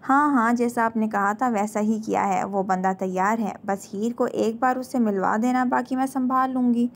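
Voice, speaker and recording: A woman's voice: fairly high pitch, fairly even intonation, close to an everyday voice. A sly female accomplice, as a woman reader puts her on. She speaks in an eager, conspiratorial way in a dramatic storybook reading.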